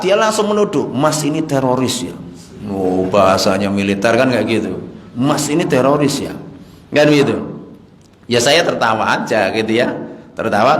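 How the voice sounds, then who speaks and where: A man preaching in a mosque, telling a story and acting out both sides of an argument. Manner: animated, acts out dialogue, rising pitch in arguments. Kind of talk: storytelling sermon. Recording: echoey mosque hall.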